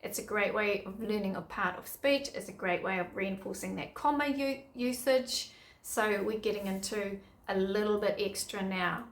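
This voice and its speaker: A woman's voice: medium pitch, a bit bright, echoey room. A middle-aged woman, giving upbeat, chatty teaching tips to other teachers. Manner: chatty, upbeat, self-correcting.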